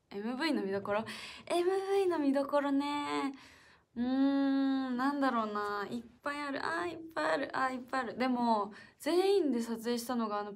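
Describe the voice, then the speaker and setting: A young woman hosting a casual solo livestream. She is chatty and playful, reads out viewer comments, laughs often and sometimes drops to a soft whisper. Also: on the high side. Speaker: idol livestream host. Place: indoor room with a piano.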